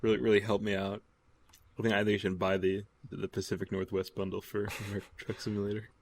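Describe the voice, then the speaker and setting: A man with a fairly low voice banters on a casual podcast. He talks in a confused, excitable way, swearing and calling his friends dude. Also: quick pace. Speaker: podcast co-host. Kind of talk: casual chat.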